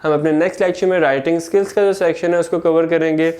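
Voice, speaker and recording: A man's voice: a little high, fairly even intonation, quick pace, darkish tone. A man with a Pakistani Urdu accent teaching a school grammar lesson, dictating sentences word by word.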